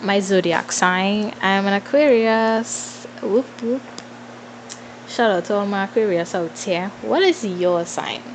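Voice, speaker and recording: A Trinidadian vlogger in her twenties chats playfully with her followers in a laid-back Q&A, thinking out loud as she goes. Her voice is medium-pitched and unhurried, with a little background noise.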